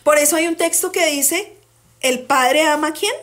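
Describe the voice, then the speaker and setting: Woman, Bible study teacher, high voice, emphatic, questions to the group. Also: a bit bright. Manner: asks the group questions and repeats answers; emphatic, slows down on key words. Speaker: congregation teacher.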